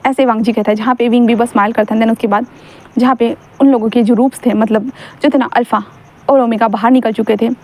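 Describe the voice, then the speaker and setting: A woman's voice: fairly high pitch, steady tone, quick pace, a little mellow. Chatty young woman telling a story. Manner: chatty, rambling, self-correcting. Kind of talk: casual story narration.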